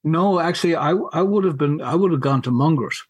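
A middle-aged man, reminiscing casually in a halting, wry way and repeating words as he goes. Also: a little high, breathy edge. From County Mayo, Ireland. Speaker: podcast guest, school alumnus.

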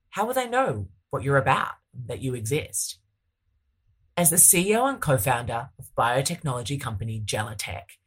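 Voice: medium pitch, a bit bright, breathy edge, poor audio. A podcast host reading a scripted, promotional show intro with emphatic delivery.

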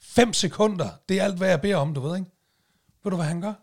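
A man co-hosting a podcast, telling a story in a casual, animated way, swearing and loudly acting out what people said. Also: high voice, creaky. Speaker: podcast co-host.

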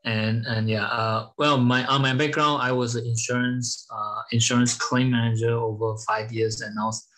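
A man from Malaysia, a startup founder, answering podcast interview questions in halting English with many fillers. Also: mid-range voice, level tone, fairly bright tone, poor audio. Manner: halting, many fillers, non-native phrasing. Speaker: guest, startup founder and CEO.

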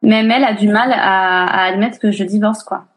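A woman in her thirties, a single mother, chats casually in an interview, talkative and full of fillers and restarts. Her mid-range voice holds a steady tone at a moderate pace.

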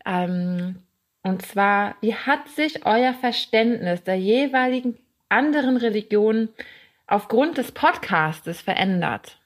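Woman, podcast co-host, quick, informal, mid pitch. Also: animated.

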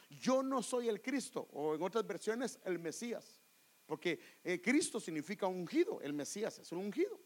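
A man preaching a sermon, calling his listeners brother, dropping to hushed whispers and building to loud, fervent climaxes. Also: high voice, poor audio.

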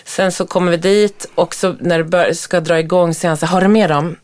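A woman in her thirties chatting casually as a mother, telling lively stories and acting out her child's lines. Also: lowish voice. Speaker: mother of a young son. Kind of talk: casual podcast chat.

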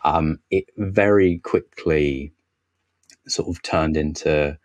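A man with a very low voice talks about television in a casual podcast chat. He is wry and enthusiastic and often stops to restart his sentences. The recording is dry and close. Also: takes it slowly, no room sound. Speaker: TV critic guest.

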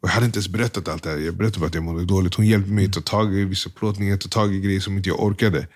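A young man, an interview guest, telling a hard personal story in a subdued, halting way, full of slang and quoted dialogue. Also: low voice, fairly even intonation.

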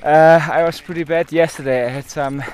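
A man's voice: on the high side, fairly even intonation, a little fast, a little mellow, clean tone. A male bike-race rider chatting cheerfully with the host, laughing often. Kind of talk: casual chat.

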